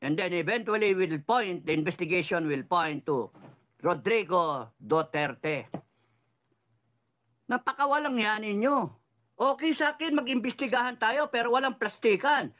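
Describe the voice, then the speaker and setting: A fired-up middle-aged man rants about politics in a high, lively voice that leaps up and down. He is sarcastic and swears freely, dropping English phrases into his talk. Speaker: political commentator. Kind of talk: heated political rant.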